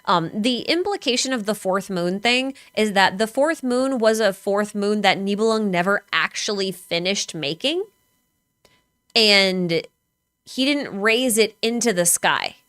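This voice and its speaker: A woman's voice: medium pitch, fairly bright tone, clear, resonant tone, dry recording, studio quality. Chatty woman streamer, filler-heavy. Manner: chatty and speculative, with many "like" fillers. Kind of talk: casual chat.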